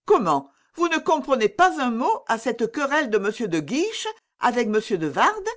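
A woman's voice: a little high, sing-song, moderate pace, fairly bright tone. A woman reading an audiobook and voicing a haughty, impatient young princess who presses and needles with irony. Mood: imperious. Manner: haughty, pressing, exasperated, ironic. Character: imperious impatient young princess, royal lady.

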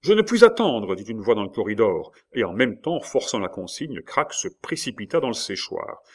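A man reading a classic novel aloud as expressive audiobook narration. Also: fairly low pitch. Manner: measured, expressive storytelling. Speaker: audiobook reader.

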